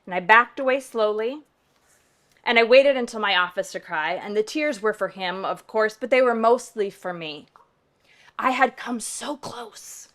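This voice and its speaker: Woman reverend telling a story on stage, chatty and emphatic, keeps asking right?, goes loud then hushed. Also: mid-range voice, normal speed. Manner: conversational and emphatic, often tagging "right?". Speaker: pastor. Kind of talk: storytelling to a live audience.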